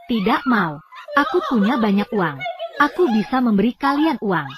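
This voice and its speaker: A frightened yet defiant young wife in a dubbed television drama, voiced by a woman. Her voice sits fairly high and rises and falls with lively swings in pitch. She pleads and refuses sharply. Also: normal speed, crowd noise. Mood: panicked. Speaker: voice actor dubbing a drama.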